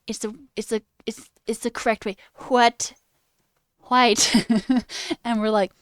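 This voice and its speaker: A woman's voice: on the high side, fairly even intonation, normal speed, darkish tone, no room sound, clean studio sound. A woman livestreaming who chats casually with viewers and rambles through stories, often saying "like.". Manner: rambling, tangent-prone storytelling; swears casually, says "like" often. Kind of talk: casual chat with live chat. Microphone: headphones with a cord.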